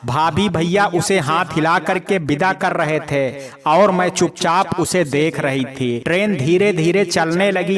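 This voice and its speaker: Slow, calm male storyteller. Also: on the high side. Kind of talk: scripted first-person story narration.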